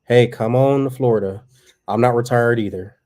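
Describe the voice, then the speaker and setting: Reading out viewer comments on a home livestream he co-hosts, a man in his thirties from Texas rambles in a relaxed way full of fillers. His voice is mid-range and his speed normal.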